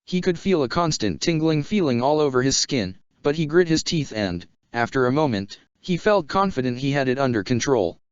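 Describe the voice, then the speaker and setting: A man reading a fan fiction story aloud in a steady, even way. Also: mid-range voice, normal speed, few pauses, smooth, no room sound. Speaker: narrator. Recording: dull lo-fi sound.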